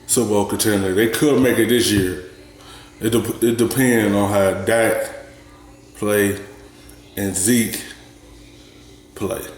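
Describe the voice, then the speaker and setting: A man hosting a reaction video, giving relaxed sports opinions in short, halting sentences. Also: lowish voice, echoey room. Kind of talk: casual sports commentary.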